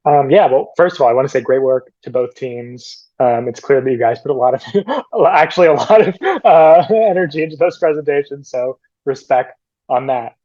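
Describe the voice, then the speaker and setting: A man on a video call judging a challenge, giving polite feedback with plenty of ums and pauses. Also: medium pitch, mellow, no echo, muffled recording. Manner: hesitant, many ums, polite. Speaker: challenge judge. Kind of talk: casual spoken feedback.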